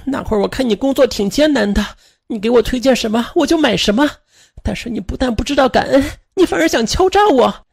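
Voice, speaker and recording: Man voicing a screaming, enraged young woman, high and husky, loud threats. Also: animated, fairly quick, exaggerated voice. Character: furious young woman threatening her captive.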